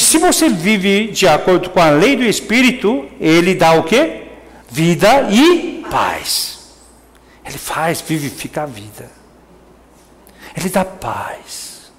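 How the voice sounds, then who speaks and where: Man preaching in church, kinda high voice, acts out the quotes, long hall echo. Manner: animated preaching, acting out quoted speech; drops to soft murmurs for prayers. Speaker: pastor. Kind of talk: sermon.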